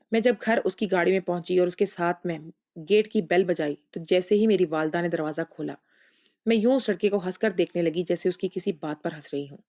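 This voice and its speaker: Low gravelly woman narrating a story. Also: a little mellow. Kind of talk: scripted first-person story narration.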